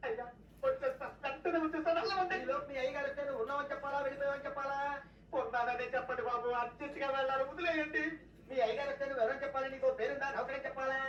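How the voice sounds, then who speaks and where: A woman's voice: high-pitched, recorded from a distance, a little hiss or hum. Theatrical woman acting out comedy skits. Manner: theatrical, shifting characters. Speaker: comedy sketch performer. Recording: roomy, off-mic, dull lo-fi sound.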